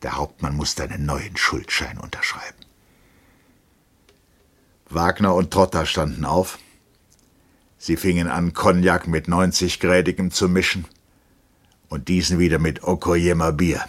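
A man reading a novel aloud for radio in a measured, dramatic way. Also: low-pitched, fairly even intonation, a bit bright, breathy edge. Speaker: narrator.

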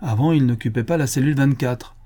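A man's voice: medium pitch, fast talker, warm tone, voice pushed up, close to an everyday voice. A man voicing a hesitant, stammering male prison guard in an audiobook. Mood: flustered. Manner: flustered, stammering.

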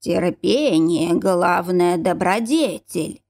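A woman reading an audiobook, voicing ancient talking cast-iron gates with a metallic, grating voice and slow, drawn-out, solemn delivery. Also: lowish voice, animated, darkish tone, exaggerated voice. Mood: preaching. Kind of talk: audiobook narration.

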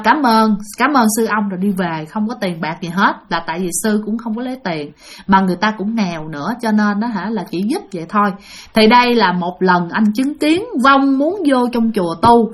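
A woman telling spirit stories in a chatty, casual way, often addressing her listeners directly. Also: mid-range voice. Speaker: storyteller of spirit tales. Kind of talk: casual spoken storytelling to listeners.

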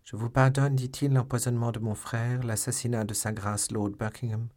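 A man voicing a cold, unforgiving English nobleman with solemn, measured speech. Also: mid-range voice, flat delivery, a little mellow, natural voice.

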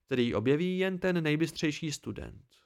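A man's voice: fairly high pitch, animated, vocal fry. A man reading an audiobook, voicing a sly male storyteller and teacher with a mocking, conspiratorial manner.

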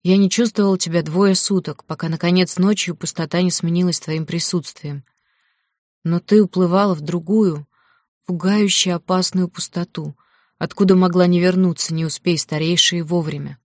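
A woman's voice: on the low side, steady tone, moderate pace, darkish tone, no echo, clean studio sound, lightly acted. A woman voicing a loyal young male dragon, tired and caring, in a fantasy audiobook. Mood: weary caring. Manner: weary, reproachful, caring.

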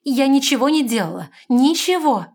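A woman voicing a young, defiant red-haired fairy woman who cries out loud and shrill. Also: lively intonation, normal speed. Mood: shrill panic.

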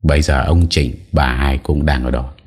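A man's voice: rumbling low, fairly even intonation, normal speed, slightly rough. A man narrating an audio story in a dramatic storytelling manner.

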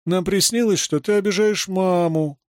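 A man's voice: high-pitched, moderate pace, no echo, clean studio sound, pitched above the performer's own voice, close to an everyday voice. A man reading aloud and voicing a whiny, tearful little girl who sobs and pleads. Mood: whimpering. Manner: whiny, sobbing pleas.

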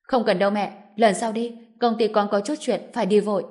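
Storybook mother: young, rushed, brushing off, read by a woman narrator. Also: medium pitch, steady tone, darkish tone, lightly acted. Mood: hurried. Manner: hurried, brushing off. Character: busy young mother in a hurry.

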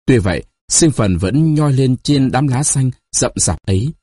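Husky male storyteller for a novel audiobook; animated, dramatic delivery. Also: medium pitch, measured pace, no echo, studio quality. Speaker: narrator.

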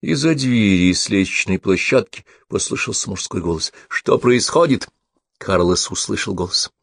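A man narrating an audiobook in a steady, measured reading. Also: low voice, creaky, dry recording, clean studio sound.

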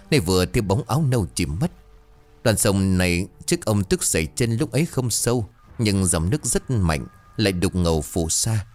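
A man reading a scripted horror story as narrator, expressive and voicing many characters. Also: deep voice.

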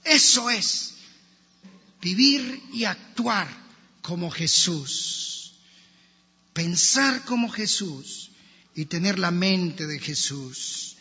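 A man's voice: high-pitched, animated, drawn-out words, pauses often, bright, forceful tone, slightly rough. A male pastor preaching a sermon in a church, emphatically addressing his congregation. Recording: long church reverb, dull lo-fi sound.

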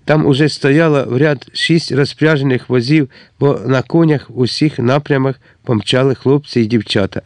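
A man reading a historical novel aloud as an audiobook narrator, in a steady, measured storytelling manner. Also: mid-range voice, no echo.

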